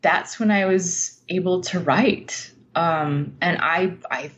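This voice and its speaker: This guest writer, a woman with a fairly low voice, sounds candid and informal as she halts her way through a reflective interview. The audio is muffled.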